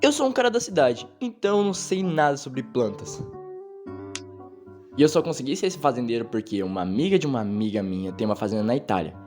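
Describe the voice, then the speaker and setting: Fast-talking Brazilian man dubbing a storytime. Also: medium pitch. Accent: Brazilian Portuguese. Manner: quick, animated first-person storytelling. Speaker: fan dubber narrating a storytime. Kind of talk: dubbed storytime narration. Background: faint background music.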